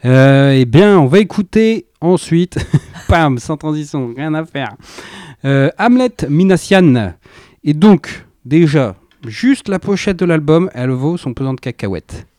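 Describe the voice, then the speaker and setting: A man's voice: fairly high pitch, expressive, measured pace, a little mellow, no room sound, studio quality. A man hosting a music radio show, presenting records in a casual, enthusiastic chat with laughing asides and slangy phrasing.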